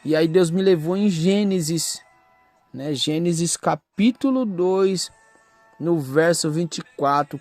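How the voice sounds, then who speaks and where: A man's voice: a little high, no echo. A man preaching an earnest testimony sermon, often addressing the congregation and adding little tag questions. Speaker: pastor.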